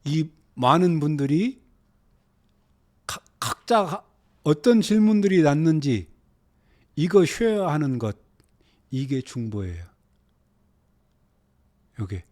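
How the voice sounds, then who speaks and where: Lively, slow-paced male Bible teacher. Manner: swings between hushed low phrases and raised urgent exhortation; slow, drawn-out reading of Hebrew words. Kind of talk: spoken Bible lesson.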